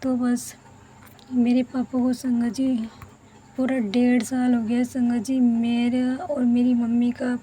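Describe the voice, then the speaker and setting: Young female devotee, earnest testimony, higher flat voice, mellow tone. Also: slow, a little hiss or hum, poor audio. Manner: earnest, emotional storytelling, often addressing the congregation. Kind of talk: personal testimony.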